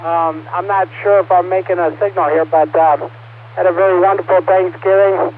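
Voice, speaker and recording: A man checking in on an amateur radio net, heard over an intermittent transmission that keeps breaking up, talking in a relaxed, halting way with many fillers. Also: high-pitched. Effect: intermittent radio signal breaking up. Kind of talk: casual ham radio check-in. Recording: tinny, noisy ham radio transmission.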